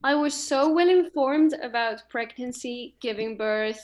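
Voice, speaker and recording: A young woman with a slightly high voice talks with a friend in a warm, positive way, thinking aloud and agreeing often. She sounds easygoing and sure of herself. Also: a little slow. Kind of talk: casual chat.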